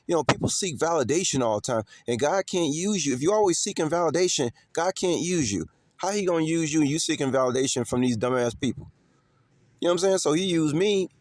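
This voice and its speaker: Clean studio sound with no echo frames a Chicago man's mid-range, darkish voice as he vlogs casually to his audience. He talks without a script, emphatically and repetitively, swearing and using street slang.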